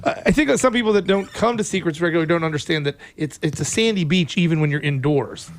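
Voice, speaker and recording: Fast-talking jokey male radio host. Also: on the high side. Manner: rambling, jokey, plugs sponsors. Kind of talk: casual radio interview.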